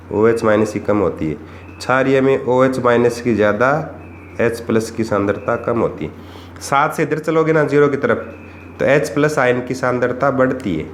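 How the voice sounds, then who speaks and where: A man teaching chemistry for exams, asking rhetorical questions and repeating the key points. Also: medium pitch. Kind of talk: exam-prep lesson. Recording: echoey room with faint background noise.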